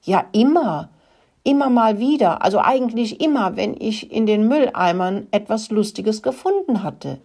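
A woman voicing a clueless, quick-tempered young male rat in a storybook reading, whiny and grumbling. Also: mid-range voice, animated, slightly rough, pitched above the performer's own voice. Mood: plaintive. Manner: whiny, grumbling, gets loud.

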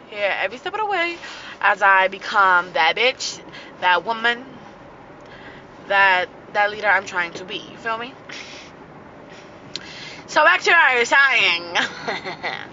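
A woman's voice: a little high, pushed and bright. A woman hosting her own podcast, talking casually and with slang, laughing here and there as she gives a motivational talk. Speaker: podcast host. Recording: muffled audio with clear traffic noise.

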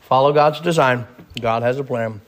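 A man's voice: mid-range voice, moderate pace. A man in his thirties leading an informal Bible study, talking plainly and repeating phrases for emphasis. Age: 30s. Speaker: pastor.

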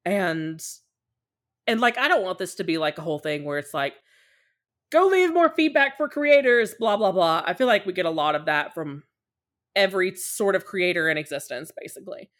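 Speaking at a moderate pace in a lowish, fairly bright and animated voice, a woman guests on a podcast as a podfic creator. She is talkative and candid, conversing casually at length and regularly acting out short quotes.

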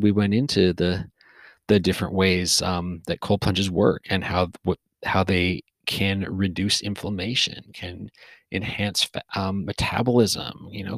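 Low gravelly man musing casually. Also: dry recording. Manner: rambling, relaxed, with frequent fillers and restarts. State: yawning, a little tired. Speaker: podcast host. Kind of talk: casual solo podcast monologue. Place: recorded outdoors near a forest.

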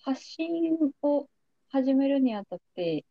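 A woman's voice: high-pitched, big pitch swings, slow, gravelly, no echo, muffled recording. A young adult woman hosting a podcast, chatting casually as she interviews a guest. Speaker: podcast host.

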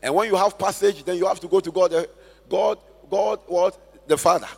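A man with a Ghanaian accent preaching a sermon as a pastor, with slow emphatic stress and loud swells. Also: sits high, creaky, breathy edge. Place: church hall. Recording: long church hall reverb.

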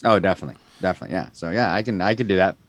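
Deep american guy co-hosting a podcast, laid out casual chat, dry recording. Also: racing, no room sound. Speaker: podcast co-host.

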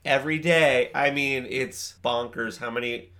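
A man co-hosting a podcast, telling a story in animated, exclamatory casual chat. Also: mid-range voice, unhurried. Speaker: podcast co-host.

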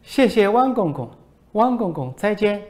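A man voicing a sly male foreign reporter who asks mock-innocent, needling questions in a raised, slowed voice. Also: big pitch swings, darkish tone. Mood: mock-polite. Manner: high, slow, needling, mock-polite.

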